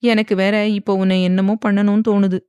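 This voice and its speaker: A woman's voice: mid-range voice, flat delivery, fairly quick, warm tone, clean tone, no echo, highs cut off, close to an everyday voice. A woman voicing a domineering young husband who teases and mock-threatens, in a dramatized audiobook reading. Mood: teasing.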